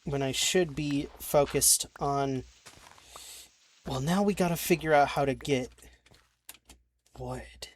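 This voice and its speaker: A young man narrates his let's-play video game in rambling, frustrated commentary, swearing and restarting his sentences. His medium-pitched voice moves slowly with frequent pauses. Faint keyboard clicks and a little hiss or hum sit underneath.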